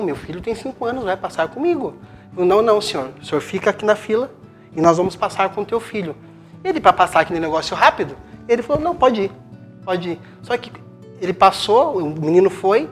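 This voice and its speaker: A man with a Brazilian Portuguese accent, a pastor telling a story in a sermon and acting out the voices of the people in it. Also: high voice.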